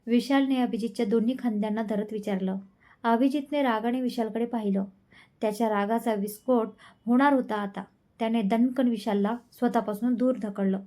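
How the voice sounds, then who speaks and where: A woman storyteller narrates an emotional love story with dramatic feeling. Her voice sits a little high but sounds mellow and warm. The reading is scripted and paced for a storybook. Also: steady tone, fairly quick.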